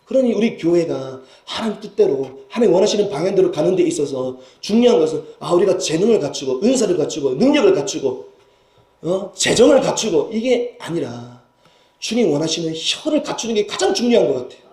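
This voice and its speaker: A male pastor delivers a sermon in a church sanctuary. His voice sits high for a man, mellow in tone, and it swings widely in pitch as he presses rhetorical questions on the congregation. The room is echoey. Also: sing-song, brisk. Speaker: senior pastor.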